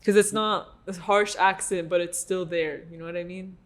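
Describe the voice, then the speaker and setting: Young male co-host, high voice, chatty and agreeable, trails off. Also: steady tone, normal speed, fairly bright tone. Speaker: podcast co-host. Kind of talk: casual chat.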